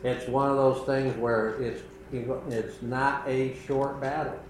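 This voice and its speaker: An older man preaching a sermon as pastor of a small church, earnest and conversational with pauses. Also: medium pitch, flat delivery. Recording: echoey room with faint background noise.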